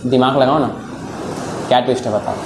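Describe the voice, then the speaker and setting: A man teaching a class of students as a physics tutor, coaxing them to think and dictating notes slowly word by word, his throat sore from long talking. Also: medium pitch, fairly even intonation, noisy background.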